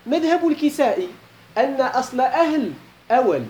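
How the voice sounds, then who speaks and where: Moroccan sheikh teaching grammar. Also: male voice, very high-pitched, animated, a little fast, a little mellow, a little hiss or hum. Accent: Moroccan Arabic. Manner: poses questions to students and repeats key points; mixes formal Arabic with colloquial asides. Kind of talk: classical grammar lesson.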